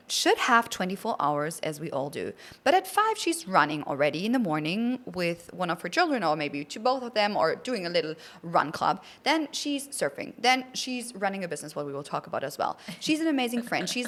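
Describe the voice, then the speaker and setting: Her medium-pitched, fairly bright voice carries a relaxed, excited interview chat. She's the podcast host, gushing with praise and compliments throughout.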